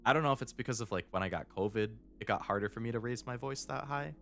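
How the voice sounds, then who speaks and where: A man's voice: mid-range voice, quick pace, gravelly, a bit bright, soft background music. A man streaming a game, rambling in casual chat and laughing often into a desk microphone.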